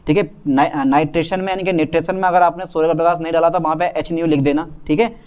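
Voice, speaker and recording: A man lectures on chemistry with a high, bright-pitched voice. He drills each term over and over and answers his own questions like a call and response. His tone is that of a patient classroom teacher. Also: fairly even intonation, fast talker, clean tone. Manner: calls students "beta" and "bhaiya".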